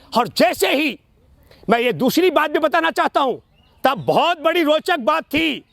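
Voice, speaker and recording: A man's voice: very high-pitched, fairly bright tone, dry recording. A man delivering emphatic, argumentative political commentary in an oratorical way, building his case point by point and repeating phrases for stress. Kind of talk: political commentary speech addressed to an interviewer.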